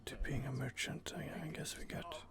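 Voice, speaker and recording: A man with a somewhat high, steady voice hosts a whispered ASMR let's play at a moderate pace. His whisper is gravelly, and his gameplay commentary is hesitant, full of fillers and restarts.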